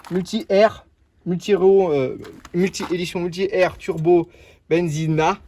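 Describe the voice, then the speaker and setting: A man's voice: sits high, brisk. A young man casually showing off his car outdoors, joking and rambling with lots of fillers. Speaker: car vlogger.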